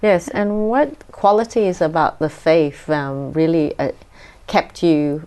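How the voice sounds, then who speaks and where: A woman's voice: deep voice, slow, warm tone, clean tone. A woman hosting an interview, asking questions and encouraging her guest with frequent murmurs of agreement. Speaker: host.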